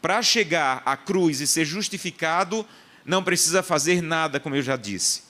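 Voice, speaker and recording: A man preaching a sermon with a slightly raised voice, leaning into key phrases and repeating them for emphasis. He moves between personal anecdotes and scripture explanation in a steady pulpit style. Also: on the high side, moderate pace. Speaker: pastor.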